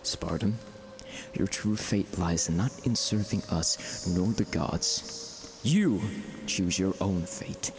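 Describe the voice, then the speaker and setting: A man voicing a mysterious, commanding divine guide, speaking solemn, measured counsel in a half-whispered, gravelly way. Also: deep voice. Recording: noisy background hiss.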